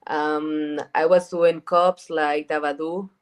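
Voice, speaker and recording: A woman from Rica, a guest chatting casually in an interview, talking in a halting way with repeated words and lots of fillers. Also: sits low, little pitch movement, smooth. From Costa Rica. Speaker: guest, cannabis events organizer.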